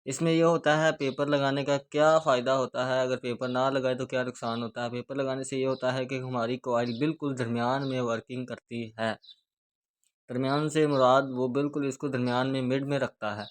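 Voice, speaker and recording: A man with a Pakistani Urdu accent giving a hands-on speaker repair tutorial, explaining each step steadily as he works. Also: medium pitch. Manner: steady, repetitive explaining while working with hands.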